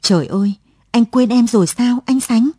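A woman reading the part of a young mother in a radio story, bewildered and tearful, her husky voice rising higher than her narration. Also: lively intonation, a little fast, dark tone, no room sound, clean studio sound.

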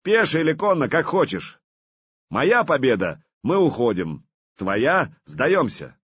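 A man voicing a defiant, loyal warrior commander who shouts a challenge in a storybook reading. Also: medium pitch, very animated, takes it slowly, slightly rough, dry recording, highs cut off, pitched above the performer's own voice, full character voice. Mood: defiant shouting.

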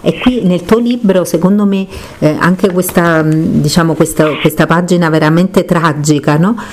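A woman hosting a radio interview and reading a book passage aloud, gentle and hesitant with many fillers. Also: lowish voice, normal speed, a little hiss or hum. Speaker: radio host.

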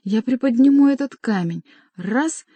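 A woman's voice: mid-range voice, moderate pace, dark tone, dry recording, natural voice. A woman voicing a stout nobleman stuck in a narrow passage, speaking in half-choked, grunting exclamations. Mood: strained. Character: strained, puffing nobleman stuck in a narrow hole.

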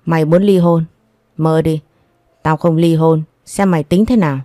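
A woman's voice: sits low, fairly even intonation, moderate pace, warm tone, no echo, clean studio sound, natural voice. A woman reading a harsh, contemptuous husband. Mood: coldly mocking. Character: angry, cold adult husband in a marital fight.

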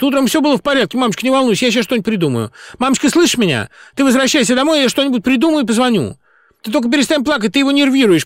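A man's voice: extremely high pitch, dry recording, studio quality, pitched above the performer's own voice. A man voicing a quarrelsome woman company director who screeches in anger and turns frantic on the phone.

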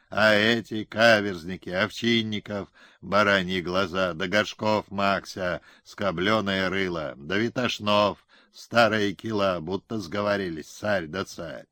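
A man's voice: unhurried, bright, forceful tone, no echo. A man voicing a whiny, scheming Cossack colonel who stammers and talks through his nose, in an audiobook. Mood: sour brooding. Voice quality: nasal, whining. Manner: shrill hysterical outbursts. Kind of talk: audiobook character reading.

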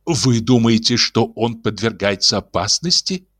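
A man's voice: lowish voice, animated, measured pace, fairly bright tone, no echo, studio quality. A man voicing an anxious, emotional middle-aged woman fortune-teller who pleads breathlessly. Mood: anxious pleading.

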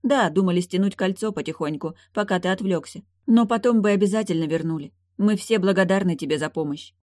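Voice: mid-range voice, a little fast, darkish tone, dry recording, studio quality, voice pushed up, lightly acted. A reader voicing an earnest elder lake maiden in an audiobook, speaking firmly. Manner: firm, earnest.

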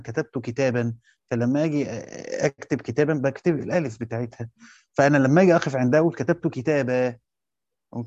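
A man with an Egyptian Arabic accent teaching a classroom lesson, quizzing his students and repeating his points slowly. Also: medium pitch, warm tone, dry recording, muffled recording. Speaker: teacher of Quran commentary.

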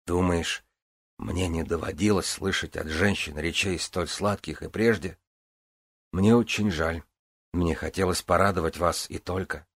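A man voicing a weary crippled harper with a hoarse, quiet voice. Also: deep voice, unhurried, no echo, clean studio sound, full character voice. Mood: subdued.

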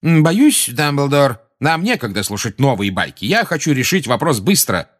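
A man's voice: medium pitch, very animated, fairly quick, a bit bright, pitched above the performer's own voice. A man voicing a pompous, scornful middle-aged minister with a sneering, haughty manner in an audiobook.

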